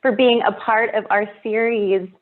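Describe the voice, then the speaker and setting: A woman's voice: medium pitch, steady tone, a little slow. Woman, interview host, effusive, complimentary, video call, narrow phone-like sound. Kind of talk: online interview.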